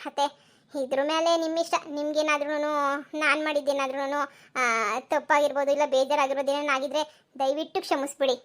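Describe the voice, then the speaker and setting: A woman's voice: high voice, level tone, a little fast, close to an everyday voice. A woman voicing a kind forgiving young woman. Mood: soothing. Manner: soothing, reassuring. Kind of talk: cartoon voice acting.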